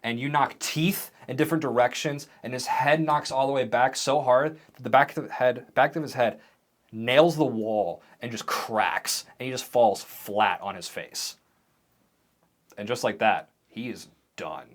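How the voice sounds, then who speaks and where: A man running a tabletop game as game master, narrating the scenes in a vivid, animated way. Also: medium pitch, unhurried.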